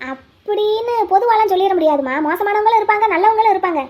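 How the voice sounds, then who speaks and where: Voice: very high-pitched, lively intonation, fast talker, darkish tone. A performer voicing a good-natured, puzzled male auto-rickshaw driver in a cartoon who keeps asking questions. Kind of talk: cartoon voice acting.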